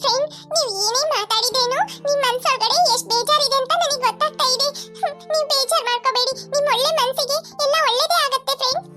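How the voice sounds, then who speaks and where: A woman voicing a tiny, gentle female sparrow in a cartoon, soothing and sympathetic. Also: very high voice, fairly even intonation, fast. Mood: comforting. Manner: soothing, sympathetic, calls everyone friend. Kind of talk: cartoon voice acting. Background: children's music.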